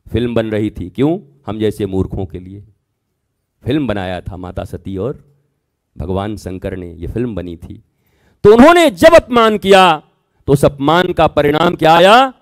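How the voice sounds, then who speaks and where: A man giving a Hindi spiritual sermon as a religious teacher, telling scripture stories and acting out their dialogue, with sudden loud emphatic bursts. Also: a little high, vocal fry.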